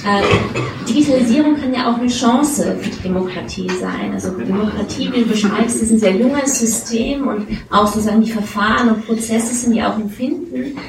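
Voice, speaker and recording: A woman's voice: fairly high pitch, normal speed, vocal fry. Polite woman asking from the audience. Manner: polite, searching for words. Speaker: audience member asking a question. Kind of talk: audience question. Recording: echoey hall, far from mic, noise.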